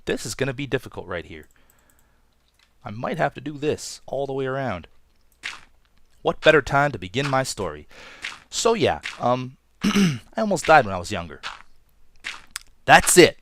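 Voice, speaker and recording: A man's voice: medium pitch, big pitch swings, normal speed, pauses often, a bit bright, a little hiss or hum. A man from Toronto hosting a Let's Play, telling a story in a chatty, rambling, self-deprecating way over gameplay. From Toronto, Canada.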